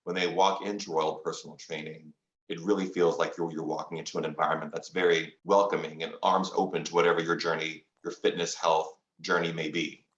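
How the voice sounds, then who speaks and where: Deep-voiced guy hosting an interview podcast, calm and affirming, echoey dull sound. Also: brisk, a little hiss or hum. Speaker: podcast host. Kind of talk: interview questions.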